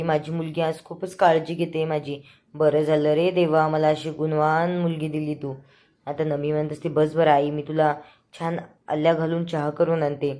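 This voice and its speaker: Low, mellow-voiced woman retelling a serial. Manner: chatty storytelling, reads out the characters' lines with small lifts. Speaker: serial recap narrator. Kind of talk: casual retelling of a TV serial episode.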